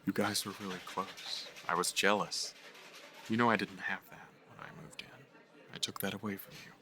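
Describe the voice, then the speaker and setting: A guilty young man in an audio drama; low, bright voice, soft and halting, drops to near-whispers. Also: flat delivery. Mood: wistful. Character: guilt-ridden young man, former friend. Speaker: [name].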